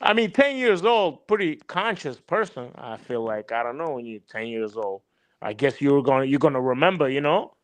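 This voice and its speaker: A man's voice: medium pitch, lively intonation, normal speed, no room sound. A man co-hosting a podcast, rambling in casual chat, swearing and repeating himself. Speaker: podcast co-host.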